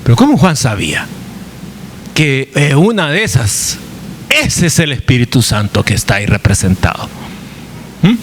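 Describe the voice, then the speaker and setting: A man's voice: medium pitch, very animated, moderate pace, long pauses, a little hiss or hum. A male pastor teaching a Bible study, who asks his congregation questions, answers them himself, jokes and acts out quoted voices.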